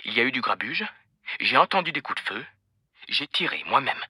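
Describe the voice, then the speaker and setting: A man reading an audiobook, voicing a rich older mother who speaks calmly and coldly while recounting a shooting. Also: mid-range voice, fairly quick, slightly rough, no room sound, studio quality, voice pushed up, exaggerated voice. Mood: cold, anxious. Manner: calm, cold, disjointed. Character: cold, rattled older mother on the phone. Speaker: narrator voicing a character.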